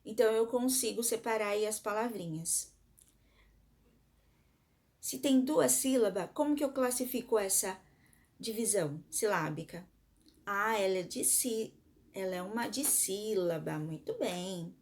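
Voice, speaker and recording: A woman's voice: mid-range voice, lively intonation, a little slow, a little mellow. A woman schoolteacher with a Brazilian Portuguese accent, giving a recorded lesson to her pupils. She explains patiently, step by step, sounds words out syllable by syllable, and asks the class questions that she then answers herself.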